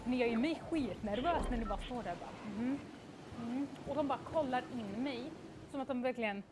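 A young woman on a livestream telling a story in a casual, animated way and acting out the quoted dialogue, with lots of fillers. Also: a little high, very noisy. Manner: frequent fillers like "liksom" and "jag bara".

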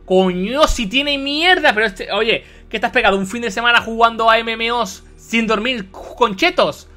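Excitable young gamer, swearing a lot. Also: male voice, extremely high pitch, moderate pace. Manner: excitable, swearing, repeats himself. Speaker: gaming youtuber. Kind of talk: let's play commentary.

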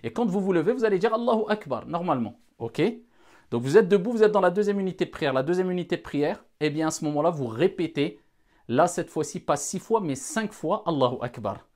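A man's voice: fairly high pitch, lively intonation, fairly quick, a little mellow. A man giving a careful religious lesson, addressing the audience formally and repeating key points to stress them. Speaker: religious teacher.

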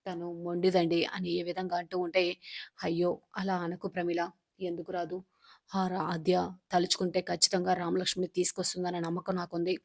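A woman casually retelling a drama episode, chaining events with "and then" and speaking every character's lines in her own plain voice. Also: on the low side. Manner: strings events together with "and then" phrases. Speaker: serial episode narrator.

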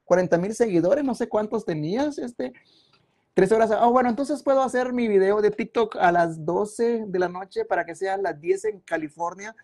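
A man's voice: high-pitched, animated, normal speed, vocal fry, a little mellow. A man chatting casually on a live stream, reading viewer comments aloud and rambling from topic to topic. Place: home, at a computer.

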